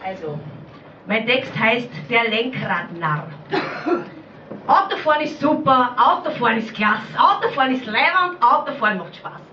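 A woman's voice: on the high side, expressive, moderate pace, background noise. A woman with an Austrian accent reciting brash, mocking rhyming poetry at a slam. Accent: Austrian German. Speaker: slam poet. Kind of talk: rhyming dialect poetry performance. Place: small bar stage. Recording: echoey room, far-off mic, dull lo-fi sound.

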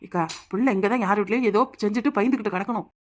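A woman's voice: medium pitch, rapid-fire, natural voice. A woman voicing a village aunt in a cartoon, pleading and reassuring in a Tirunelveli Tamil accent. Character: consoling village aunt, a younger sister-in-law. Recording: cartoon dub with music underneath.

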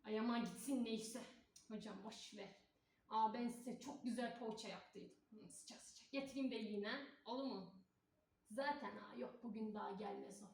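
A woman's voice: fairly high pitch, moderate pace, a little mellow, lightly acted. A woman playing a chatty, gossipy middle-aged cleaning lady, in a comic stage monologue. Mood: indignant. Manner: chatty, folksy, sprinkles exclamations. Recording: echoey room, voice far from mic.

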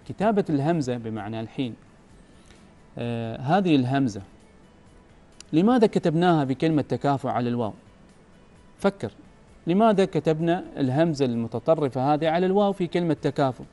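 A man's voice: fairly high pitch, lively intonation, a little fast, pauses often, mellow, soft background music. A man with an Omani Arabic accent teaching a recorded grammar lesson, patiently repeating his questions to the student. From Oman.

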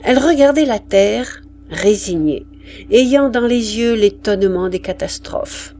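A woman reading a classic story aloud slowly and expressively for language learners. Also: mid-range voice, slight background noise. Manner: expressive, deliberate.

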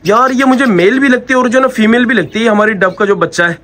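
A man's voice: very high voice, quick pace. A man vlogging about his pet birds and rabbits in a chatty, affectionate way. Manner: chatty, affectionate, peppered with "yaar" and "bhai"; coaxing pets softly. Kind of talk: casual vlog narration.

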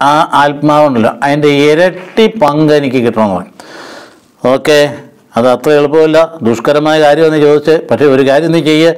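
An older man preaches as a priest in an earnest sermon, his voice smooth and resonant and pitched a little high. He retells scripture stories, speaking the characters' lines himself. He is recorded indoors on a lapel mic. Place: studio set with red curtains, indoors.

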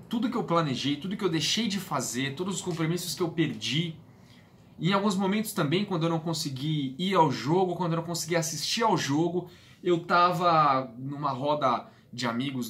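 A football fan channel host in his late twenties speaks with a Brazilian Portuguese accent in a mid-range, fairly bright voice. He talks casually and earnestly in a vlog monologue from a small indoor bedroom, repeating phrases for emphasis, with clear room noise in the background.

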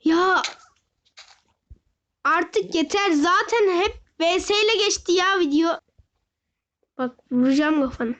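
A young gaming host giving excited gameplay commentary, often shouting and wailing as he talks straight to his viewers. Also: very high voice, slow pace, pauses often. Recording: dull lo-fi recording.

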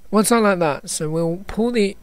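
In a casual screen-recorded animation tutorial, a man with hiccups talks in a stop-start way, thinking aloud and correcting himself as he goes. His voice sits high and moves a little fast.

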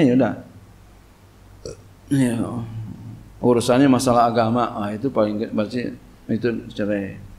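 An Islamic cleric's mid-range, somewhat mellow voice leads a kitab study sermon on Quranic commentary. His pattern is a slow Arabic reading followed by an easygoing Indonesian explanation with many "ya"s.

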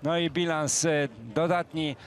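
Boxing commentator with a slightly high voice. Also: male voice, little pitch movement, a little slow, a little hiss or hum. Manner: conversational, hesitant with fillers. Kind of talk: live sports commentary.

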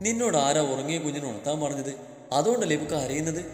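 A man voicing a sharp-tongued young mother who scolds her husband, read in an echoey room with faint music behind. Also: a little high, animated, quick pace, close to an everyday voice. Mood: scolding.

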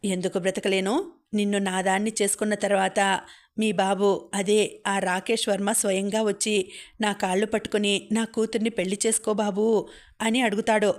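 A woman's voice: medium pitch, level tone, normal speed, lightly acted. A woman voicing a brash, scheming young man who taunts and boasts, in a storybook reading.

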